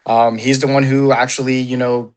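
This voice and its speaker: A man's voice: mid-range voice, level tone, moderate pace, low-quality recording. A man talking as an interview guest, rambling and swearing freely, with constant "you know" and "like". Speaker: paintball player, interview guest. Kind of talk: casual interview.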